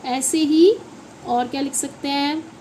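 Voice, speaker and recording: A woman's voice: high voice, steady tone, takes it slowly, mellow, a little hiss or hum, rough recording. A woman with an Indian accent, a native Hindi speaker, teaches English phonics to children, spelling words out letter by letter and asking the class to repeat them.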